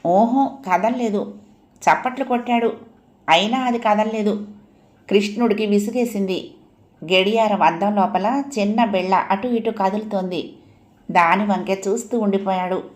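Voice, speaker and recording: Woman narrating a story, gentle and unhurried. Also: medium pitch, steady tone.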